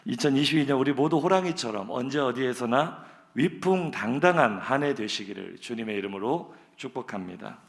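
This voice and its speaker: A male pastor preaches a sermon from his church, telling his story in a chatty way before turning earnest. His voice is gravelly and gritty, with an everyday mid-range pitch. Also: animated, normal speed. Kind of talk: sermon with a humorous story opener. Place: church sanctuary.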